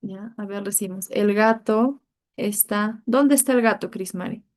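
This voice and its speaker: A woman's voice: medium pitch, a little slow. A woman teacher leading an online grammar class over a video call, patiently coaxing each student by name.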